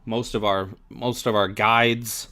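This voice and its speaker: A man's voice: on the low side, little pitch movement, slow pace, bright, forceful tone. Man doing a stammering, frightened scholar. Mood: shaken. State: weak and barely conscious. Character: injured, delirious male scholar and historian.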